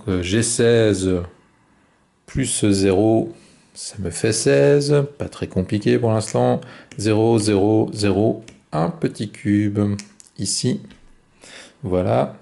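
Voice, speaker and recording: A man calmly talking through his own board game turn, explaining each card and move step by step. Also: on the low side, creaky. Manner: calm, methodical, explains each move aloud. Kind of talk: solo board game playthrough commentary.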